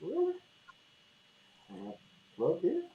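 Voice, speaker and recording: A man's voice: high-pitched, huge pitch swings, slow pace, slight background noise. A man co-hosting a casual political chat, blunt and dismissive, his voice distant and tinny as if inside a tin can on a bad remote mic. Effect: distant tinny sound, as if inside a tin can. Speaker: co-host. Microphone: bad remote mic on a call. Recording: echoey, far from the mic.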